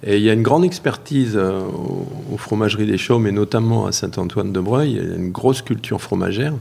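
A man's voice: lowish voice, fairly quick, creaky, darkish tone, slightly rough. Hesitant French-speaking man explaining. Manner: hesitant, many fillers, explains carefully. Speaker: cheesemaker interviewed about his cheese. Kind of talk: casual spoken interview.

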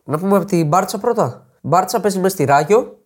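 A man's voice: high-pitched, expressive. A man co-hosting a football podcast, reading out betting odds and insisting on making his point. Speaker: podcast co-host. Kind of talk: casual football chat with betting tips.

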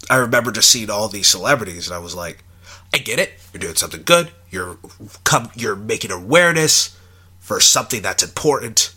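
Bright-voiced young man rambling casually. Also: lowish voice, animated, brisk, slightly rough. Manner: rambling, filler-heavy, thinking aloud. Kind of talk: casual film discussion.

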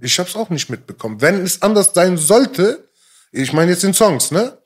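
In a relaxed, frank interview, a rapper with a high voice that jumps around a lot talks emphatically in street slang at a normal pace, the sound slightly rough. He repeats points and keeps making sure his listener is following.

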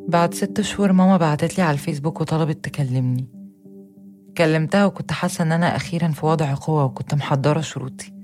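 Very fast-talking young Egyptian woman. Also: sits low, over music. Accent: Egyptian Arabic. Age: young adult. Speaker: narrator. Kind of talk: scripted first-person narration.

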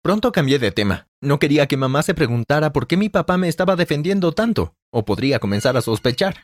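A man narrating a first-person story in a plain, brisk storytelling manner. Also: fairly high pitch, big pitch swings, dry recording. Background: soft music.

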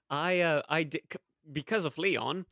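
A man's voice: a little high, animated, slow, pushed and bright, no echo, studio quality. A man on a podcast who talks hesitantly, stumbling over his words and laughing between them. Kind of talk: casual chat.

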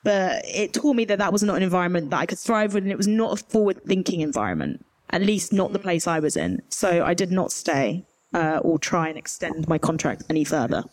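A woman's voice: on the low side, expressive, a little fast, hardly any pauses, no echo. A young woman from rural Herefordshire with a modern British Received Pronunciation accent, giving candid, informal interview answers with emphatic asides. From rural Herefordshire, England. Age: young adult. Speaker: journalist guest on a panel. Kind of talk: candid conversational interview answers at a live event.

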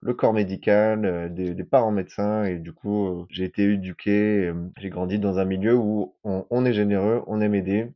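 A man in his thirties from southern France, talking about his experience as a podcast guest in a halting way, often restarting and repeating words. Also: low-pitched, highs cut off. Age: 30s. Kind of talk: personal testimony podcast.

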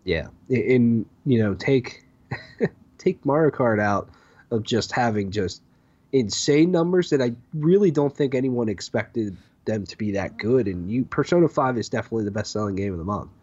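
A man's voice: mid-range voice, lively intonation, moderate pace, darkish tone, muffled recording. A man co-hosting a casual gaming podcast, reading out game lists with stumbles and laughs. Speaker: podcast co-host.

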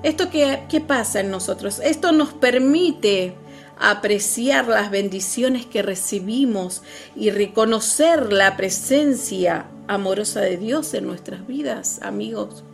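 A woman's voice: medium pitch, takes it slowly, gravelly, faint music behind. A woman giving a live devotional sermon, speaking earnestly and reflectively, addressing the viewer directly.

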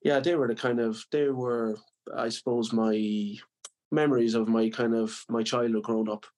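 A man's voice: medium pitch, fairly even intonation, normal speed, a little mellow. A man from Limerick with a west of Ireland accent, answering as a podcast guest in an earnest, modest, conversational way. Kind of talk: casual interview reminiscence.

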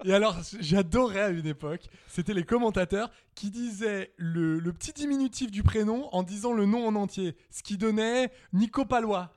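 A man co-hosting a loose, bantering football podcast. His voice sits a bit high for a man, and he keeps saying "wait, wait" while he searches his memory. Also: moderate pace, few pauses, a little mellow, dry recording, clean studio sound. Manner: playful, stalls with repeated 'attends' while guessing. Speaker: podcast co-host.

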